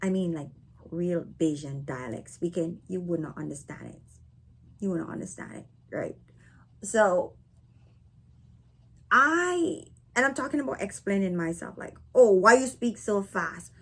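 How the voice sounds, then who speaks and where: Husky Barbadian woman vlogger. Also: lowish voice, animated, unhurried. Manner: chatty, frequent "right?" and "okay?" tags. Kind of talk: casual talk to camera. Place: living in North America.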